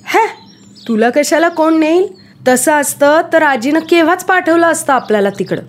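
A woman's voice: high-pitched, animated, moderate pace, pitched above the performer's own voice. A woman voicing an earnest young boy who coaxes and reassures his little sister. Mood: reassuring. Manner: coaxing, reassuring. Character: gentle older brother, earnest young boy.

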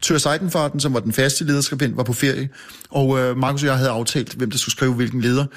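A newspaper editor, appearing as a guest in a casual chat, tells a story in a mid-range, steady voice. His delivery is halting, full of restarts and fillers, and he chuckles at himself along the way.

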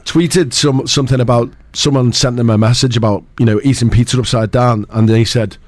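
A man's voice: medium pitch, steady tone, a little fast, dry recording. A man co-hosting breakfast radio, telling an anecdote in an easygoing way on a studio mic. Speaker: radio co-host.

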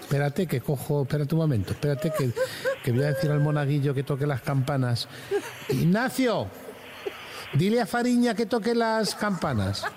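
A man's voice: on the high side, fairly even intonation, fast, background noise, natural voice. A man playing a pushy, joking fake priest on a prank phone call, rambling through mock-solemn prayers and gibberish.

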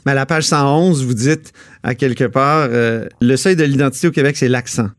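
A man's voice: medium pitch, moderate pace, no echo, clean studio sound. A man with a Quebec French accent hosting a radio interview, asking probing questions and cutting in. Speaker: radio host.

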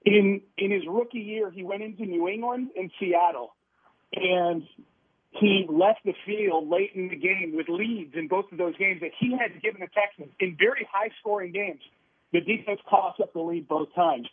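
A man's high, husky voice comes through a thin, tinny phone line. He talks sports in an emphatic way and lays out example after example. The sound is close and dry. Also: normal speed, dry recording. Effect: heard over a phone line. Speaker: sports radio host calling in as guest. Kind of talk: sports analysis chat. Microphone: telephone.

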